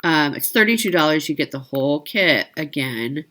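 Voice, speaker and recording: Bright-voiced woman, chatty host. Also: deep voice, expressive, moderate pace. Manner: chatty, self-correcting, informal asides. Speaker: host of a needlework shopping video. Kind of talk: casual product showcase narration.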